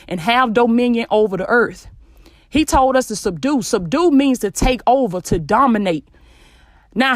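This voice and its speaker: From a small closet at home, a woman with a high voice hosts a podcast, preaching motivational business advice bluntly and informally and repeating phrases for effect. The audio is clean, studio-like, with no echo.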